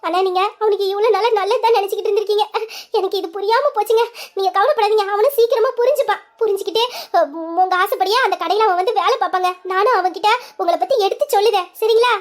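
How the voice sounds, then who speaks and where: A woman's voice: extremely high pitch, fast talker. A woman voicing a middle-aged mother who pleads in tears and speaks deferentially to her husband. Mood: relieved. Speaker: wife and mother Lakshmi. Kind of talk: audio drama acting.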